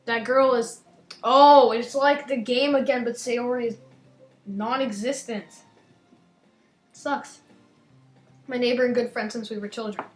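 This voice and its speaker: A young woman with a slight lisp talks casually through a game, reading its text aloud and trailing off softly at the ends of lines. Her voice sits on the higher side and sounds a little roomy, with faint game music beneath. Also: steady tone, unhurried, long pauses. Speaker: gaming channel host.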